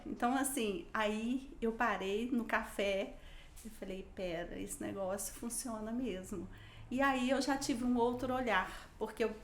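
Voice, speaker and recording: A woman's voice: fairly high pitch, a bit bright, echoey room. A woman guest telling a personal story in casual conversation, animatedly quoting her own thoughts. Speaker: podcast guest.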